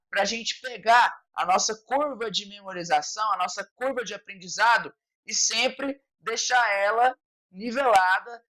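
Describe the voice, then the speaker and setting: A woman's voice: mid-range voice, fairly bright tone, low-quality recording. A Brazilian woman leads an online French lesson. She talks in a patient, explaining way and keeps checking in with a short "tá?" after each point. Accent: Brazilian Portuguese. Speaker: French teacher.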